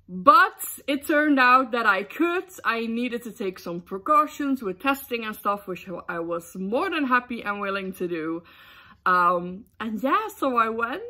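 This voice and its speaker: A young woman from the Netherlands telling a casual storytime, excitable and giggly with lots of ums. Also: on the high side. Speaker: booktube vlogger.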